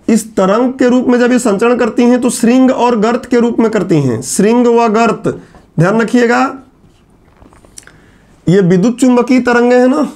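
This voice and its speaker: A man with a very high voice gives a classroom lecture. He asks his students questions and then answers them himself. He slows down to repeat the key terms. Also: a little mellow. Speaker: teacher.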